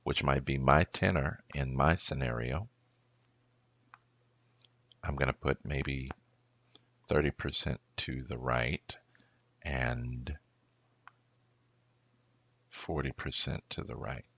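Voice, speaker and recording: A man, a pastor, walking through an audio recording tutorial in a slow, deliberate way, thinking aloud step by step. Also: extremely low pitch, fairly even intonation, gravelly, a bit bright, lo-fi sound.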